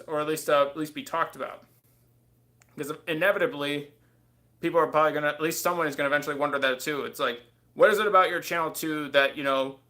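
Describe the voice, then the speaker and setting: A man in his thirties hosts a casual livestream from a small bedroom, speaking close to a desk webcam. His voice is fairly high, bright and forceful, and he rambles with lots of fillers and says "too" often.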